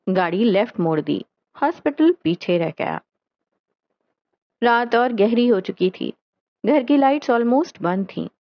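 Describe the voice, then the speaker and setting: A woman reading a novel aloud as an audiobook narrator, in slow, measured scripted narration with quoted dialogue. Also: mid-range voice, no room sound, lo-fi sound.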